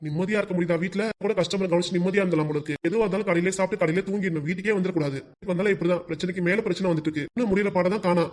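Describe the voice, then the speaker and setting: A weary middle-aged shopkeeper dad, voiced by a man, grumbles in exasperation at a very fast clip. His voice sits high for a man, in the manner of a home-made cartoon. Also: darkish tone, slight background noise, close to an everyday voice. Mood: exasperated.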